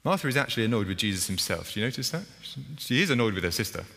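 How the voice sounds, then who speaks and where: A man's voice: fairly low pitch, very animated, racing, bright, forceful tone, long reverb tail. A man preaching a sermon in a church, in a conversational way that asks the congregation questions.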